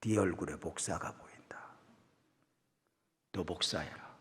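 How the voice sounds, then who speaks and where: A quiet, coaxing older pastor, as a preacher acts him out, low and half-whispered, pressing gently and persistently. The voice sits lower than the speaker's own and carries a long church-hall reverb. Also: male voice, expressive, normal speed. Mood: hushed coaxing.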